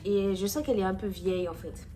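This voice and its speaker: A young woman vlogger telling a story in an animated, sassy way, acting out the people in it. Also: medium pitch, a little fast, over music. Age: young adult. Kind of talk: story time vlog.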